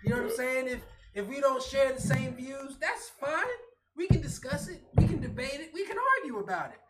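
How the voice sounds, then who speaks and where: A man's voice: extremely high pitch, fairly quick, loud music behind the voice. A man hosting a casual group show with frat-bro buddy hype, speaking emphatically and repeating phrases. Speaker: host of a pregame show. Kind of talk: casual hyped group banter to viewers. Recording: roomy echo, clear background noise.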